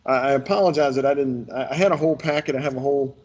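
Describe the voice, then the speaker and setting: A man's voice: mid-range voice, racing, a little mellow, dull audio. A man leading a workshop, telling folksy stories in a rambling way with lots of restarts. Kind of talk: casual virtual workshop instruction.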